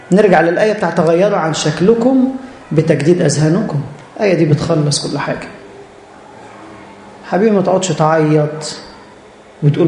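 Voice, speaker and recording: A man's voice: sits high, a little mellow, reverberant. A man with an Egyptian Arabic accent preaching a church sermon, earnest and direct, repeating phrases for emphasis.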